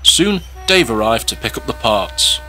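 Bright-voiced male story narrator. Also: mid-range voice, sing-song, measured pace, soft background music.

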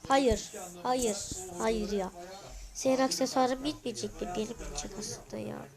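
A host giving live gameplay commentary to viewers, excitable and crying out when losing, asking for likes and subscribes. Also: medium pitch, normal speed, a crowd in the background. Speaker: gaming channel host.

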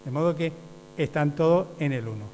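This man trains teachers, walking them through ideas step by step, frequently asking "¿ve?" and performing the voices he quotes. His tone is darkish and brisk, pitched a little high, heard over a hum with long hall reverb.

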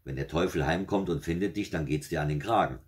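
A man's voice: rumbling low, fast talker. A man reading aloud and voicing the devil's grandmother, a shrewd, kindly old woman who scolds and soothes. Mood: scolding soothing.

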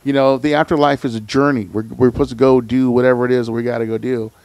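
A man's voice: medium pitch, fairly even intonation, quick pace, a little mellow, no echo. A man hosting a podcast, telling stories in a laid-back, slangy casual chat. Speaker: podcast host.

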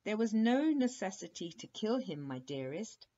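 A woman voicing a fond, gallant young prince in a bedtime storybook, raised and loud, on a dull lo-fi recording. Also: medium pitch, very animated, normal speed, pitched above the performer's own voice, natural voice.

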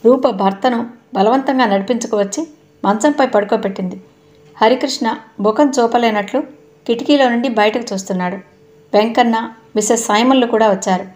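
A woman narrating an audio novel in a steady, expressive reading voice. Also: on the high side, brisk.

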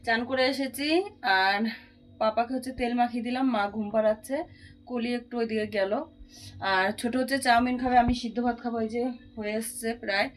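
A woman vlogging casually at home in the kitchen, chatty as she shows things to viewers, her voice slightly hoarse. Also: fairly high pitch, steady tone, a little fast, a little hiss or hum. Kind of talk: casual home vlog chat.

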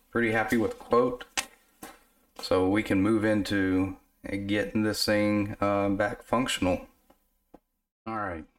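Illness has left this man's low voice hoarse. He's a radio repair technician working at a bench in his home repair shop, chatting through the job in an easygoing, filler-laden workshop narration.

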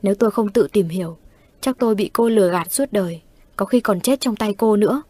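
A woman's voice: mid-range voice, brisk, darkish tone, natural voice. A woman voicing a desperate young husband who speaks in a bitter, accusing way. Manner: accusing, anguished.

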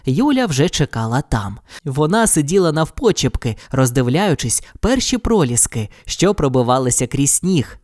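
A woman narrating a children's audio story in an expressive storytelling manner. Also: a bass voice, normal speed, hardly any pauses, dry recording, clean studio sound.

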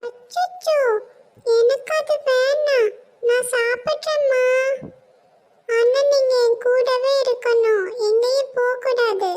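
Cartoon tot, sick and clingy, high squeaky whimper, slow words. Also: female voice, steady tone, a little mellow. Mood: tearful. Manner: whimpering, drawn-out. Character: small sick child, tearful and clingy.

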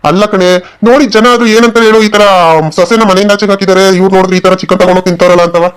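A man's voice: high voice, level tone, racing, clear, resonant tone, lightly acted. A man doing a nervous cartoon son-in-law. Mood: worried. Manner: uneasy, nervous. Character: timid worried son-in-law.

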